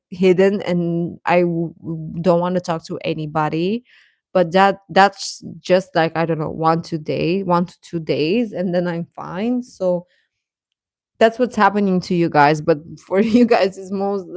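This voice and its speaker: Chatting casually with young livestream viewers, a woman offers encouraging, reassuring advice in a slightly low, somewhat mellow voice. The recording is dry, with almost no room sound.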